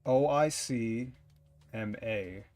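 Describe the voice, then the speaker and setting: A young man streaming a game speaks extremely slowly in a medium-pitched, darkish voice, reading the game's dialogue aloud. He adds wry, casual asides with the odd swear word, and faint game music plays behind him.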